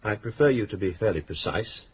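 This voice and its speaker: A dry, urbane police inspector. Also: male voice, lowish voice, animated, husky, low-quality recording. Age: 50s. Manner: measured, dry, courteous. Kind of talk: radio drama acting.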